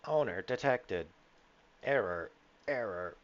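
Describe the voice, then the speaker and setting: A man's voice: fairly low pitch, lively intonation, takes it slowly, muffled recording. A man voicing a malfunctioning spaceship computer, beeping and announcing errors in a glitching robotic voice. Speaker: game master.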